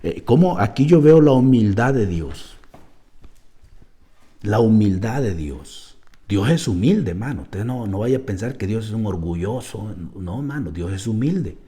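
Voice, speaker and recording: Animated, mellow-voiced male preacher. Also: measured pace. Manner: emphatic, keeps addressing listeners as "hermano"; drops to a low, quiet voice for stress, then rises. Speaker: pastor. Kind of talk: sermon. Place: church.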